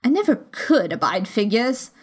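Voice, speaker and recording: A woman reading a storybook voices a rude, short-tempered noblewoman with a hoarse, growling manner. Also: fairly high pitch, big pitch swings, normal speed, darkish tone. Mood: gruff. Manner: blunt and curt.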